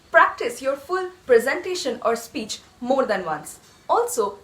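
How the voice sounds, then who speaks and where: A woman gives an instructional presentation. Her voice is high and very animated in its intonation. She lays out advice point by point, recorded in an echoey room. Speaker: presenter of a tips channel.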